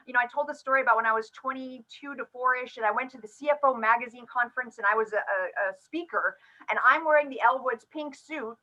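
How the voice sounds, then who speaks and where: A woman hosting a podcast, chatty and fond of self-deprecating stories. Her voice is bright and sits a little high. The audio is slightly dull and lo-fi. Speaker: podcast host. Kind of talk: conversational interview.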